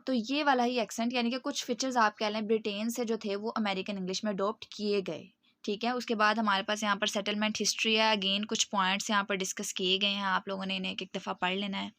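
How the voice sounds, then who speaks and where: A woman's voice: medium pitch, flat delivery, fairly bright tone, no room sound. Woman lecturing in a dry, close recording. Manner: patient explaining, often checks in with "okay", reads English passages slowly.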